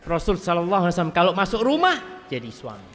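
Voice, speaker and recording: A male Islamic preacher answering congregation questions in a lively, joking sermon style, often rising high when teasing the audience. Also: very fast, faint music behind. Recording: reverberant hall with faint ambience.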